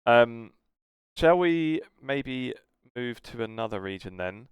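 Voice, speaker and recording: A British-accented man co-hosts a casual esports podcast, discussing the news in a rambling, hesitant way that trails off. His medium-pitched voice is animated yet slow and smooth, with no echo.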